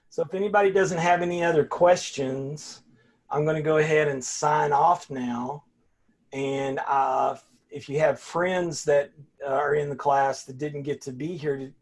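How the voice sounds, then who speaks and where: On a video call with his class, an older college philosophy instructor talks in a relaxed, folksy way, wandering off track and often starting his sentences over. He speaks at medium pitch.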